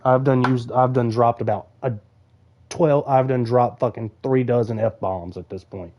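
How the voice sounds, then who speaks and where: A man's voice: mid-range voice, fairly even intonation, a little slow, lo-fi sound. A young man, streaming a video game and ranting angrily with constant swearing. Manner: angry swearing rant, frustrated. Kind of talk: live game-stream commentary.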